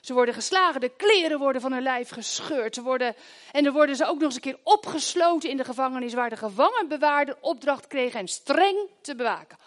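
A middle-aged woman preaching a sermon, telling stories with lively swings between hushed prayer and loud exclamations. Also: sits high.

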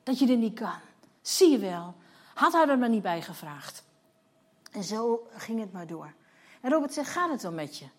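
A woman's voice: fairly high pitch, big pitch swings, unhurried, pauses often, darkish tone. A woman in her fifties, a church leader, giving a personal testimony sermon and telling her story vividly while acting out the dialogue. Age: 50s.

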